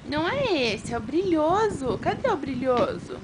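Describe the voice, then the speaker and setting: A woman's voice: sits high, big pitch swings, a little slow, noisy background. A woman with a Brazilian Portuguese accent, a mother using coaxing, sing-song baby talk with her toddler.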